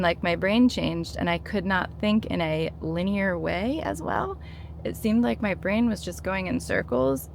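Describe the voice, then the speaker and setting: This is a woman in her thirties sharing her withdrawal story in a casual to-camera vlog, earnest and encouraging though full of fillers and restarts. Her voice is on the low side and gravelly, with slight background noise.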